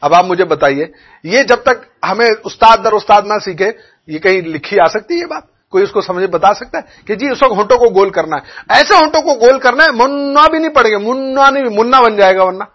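A man's voice: high-pitched, animated, brisk, fairly bright tone. A man teaching a religious lesson on Quran recitation, explaining with everyday examples and often asking if listeners understood.

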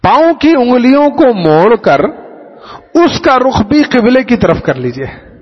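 Lively husky man teaching prayer. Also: very high voice. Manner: demonstrative, addresses students directly; repeats key points in a drilled way. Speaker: religious teacher. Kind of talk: teaching a class how to pray. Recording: dull lo-fi sound with long hall reverb.

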